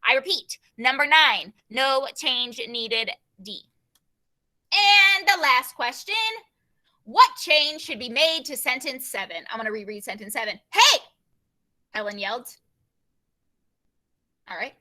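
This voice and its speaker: A young woman teaches an online grammar class over a video call in a high, sharp voice. She moves briskly and tends to repeat her prompts.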